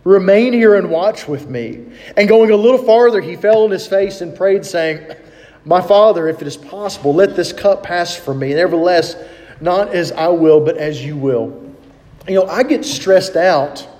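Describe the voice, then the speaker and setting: A man delivers a conversational sermon, reading scripture aloud and pausing to put questions to his listeners. His voice sits high yet mellow and soft-edged. The sound carries a long reverb, as in a large hall. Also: animated. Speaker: pastor.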